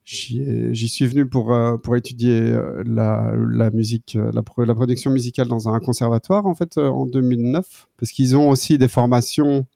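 A man's voice: medium pitch, steady tone, moderate pace, creaky, few pauses, mellow, no echo. A man from southern Belgium, a guest on a live stream, talking casually with lots of fillers and restarts. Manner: hesitant, many fillers and restarts. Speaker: guest, synth controller maker.

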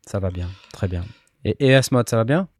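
A man's voice: lowish voice, expressive, moderate pace, no room sound. Playful man hosting a live stream, dry sound. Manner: playful, jokingly says French phrases in English. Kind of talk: casual live chat.

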